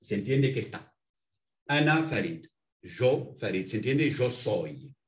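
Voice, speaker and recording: A man teaching a language in an interview, patiently explaining and spelling out words slowly. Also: on the low side, sing-song, a little mellow, echoey room. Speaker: Arabic language instructor.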